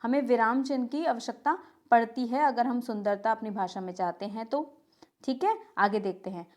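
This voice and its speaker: A woman teacher with a fairly high voice talks students through a grammar lesson. She keeps repeating the key terms, asks a question and answers it herself, and checks in with "okay" between points. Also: normal speed, darkish tone.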